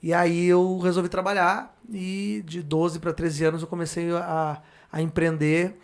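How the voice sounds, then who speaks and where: A man with a southern Brazilian accent from Porto Alegre, chatting as a podcast guest, often pausing to rephrase himself. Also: on the high side, little pitch movement. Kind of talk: casual chat.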